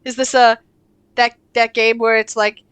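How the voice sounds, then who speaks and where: A woman's voice: on the high side, level tone, moderate pace, a bit bright. A woman streamer reacting to a text game with giggly, exclamatory, sarcastic asides. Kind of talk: casual playthrough reactions.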